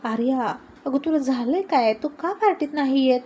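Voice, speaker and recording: A woman's voice: sits high, lively intonation, normal speed, dark tone, a little hiss or hum. A woman voicing a young woman who speaks to her best friend in a concerned, coaxing way.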